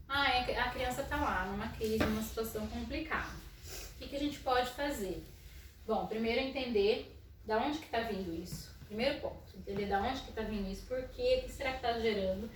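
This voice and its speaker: A Brazilian woman, a psychologist, talking casually about school inclusion in her naturally loud voice. She tells stories and keeps tagging her sentences with "né?". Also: a little high, slight background noise. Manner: storytelling with frequent "né?" tags and soft laughs. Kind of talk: casual educational talk. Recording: echoey room, mic at a distance.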